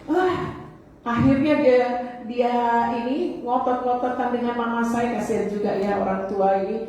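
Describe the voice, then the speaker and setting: A woman giving a sermon testimony in a large church, telling a story with animated acted-out voices. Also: on the high side, moderate pace. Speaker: preacher. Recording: echoey church hall, mic far off.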